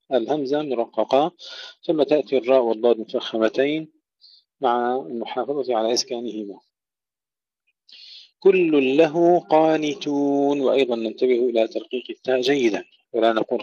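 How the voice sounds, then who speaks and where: A man's voice: medium pitch, dark tone, no echo, muffled recording. A man teaching Quran recitation rules, explaining precisely and repeating words to show correct pronunciation. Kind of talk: tajweed lesson explanation.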